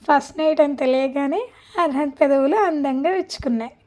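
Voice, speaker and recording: A woman narrates a romance audiobook with a high, mellow voice. She reads gently and unhurriedly. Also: quick pace. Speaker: storyteller. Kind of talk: read-aloud romance narration.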